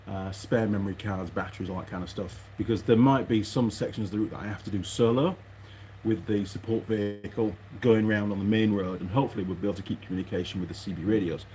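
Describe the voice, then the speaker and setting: A warm, fairly low voice with a steady tone belongs to a fast-talking mechanic who hosts a casual, rambling workshop vlog, muttering to himself and hesitating as he wanders. The recording is noisy with clicks and rustling parts.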